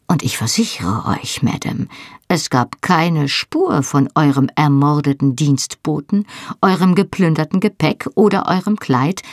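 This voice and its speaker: A cold, measured army captain questions his captive with sarcastic patience, as a woman narrator puts him on. The voice sits low and husky, with a gravelly edge. The recording is close and dry. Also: dry recording. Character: stern, sarcastic male army captain interrogating. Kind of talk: audiobook reading.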